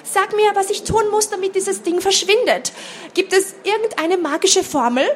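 A woman's voice: extremely high pitch, normal speed, a little hiss or hum, pitched above the performer's own voice. A woman reading aloud, voicing a panicked, grumpy teenage girl who talks in an agitated, pleading way.

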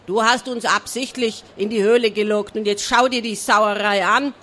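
A woman voicing an angry, boastful male pirate captain in a children's story, shouting in a lower, growling voice. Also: steady tone, moderate pace, natural voice. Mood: furious. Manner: loud, growling, indignant.

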